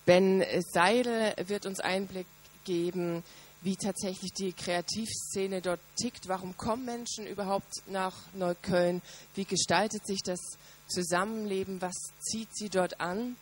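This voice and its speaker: A woman's voice: medium pitch, fairly even intonation, measured pace, slight background noise, poor audio. A woman moderator introduces speakers to an audience in semi-formal, courteous phrasing, drawing out some of her words. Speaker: event moderator.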